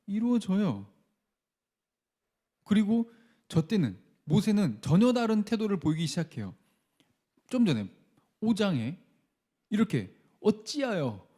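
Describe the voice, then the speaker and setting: A man's voice: sits high, mellow. A man preaching a sermon as pastor. He leads the congregation in reading verses aloud and acts out the people's complaints.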